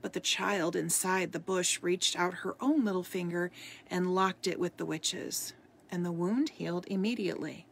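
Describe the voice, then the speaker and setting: A woman reading a storybook aloud as a podcast host, soft-spoken and at times dropping into a whisper. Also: fairly low pitch, steady tone, normal speed, vocal fry, a little hiss or hum.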